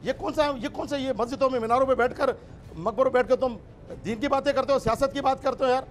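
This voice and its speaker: A man's voice: very high voice, fairly even intonation, fast, slight background noise. A middle-aged man arguing angrily in a televised political debate, interrupting and firing repeated rhetorical questions. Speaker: political party guest.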